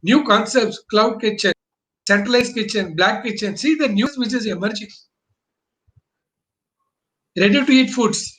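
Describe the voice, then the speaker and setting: High-pitched man. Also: unhurried, long pauses, a bit bright, poor audio. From Bangalore, India. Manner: emphatic, choppy phrasing with rhetorical questions. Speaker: guest business expert. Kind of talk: explanatory business talk in an online interview.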